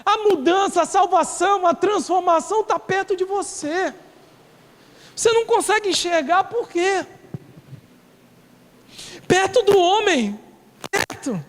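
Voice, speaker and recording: A Brazilian male pastor preaching in a very high voice, telling stories and driving his points home by repeating phrases. He is recorded in a church whose hall adds a long, ringing reverb. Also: expressive, measured pace, long pauses. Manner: storytelling, repeating key phrases for emphasis. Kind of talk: sermon.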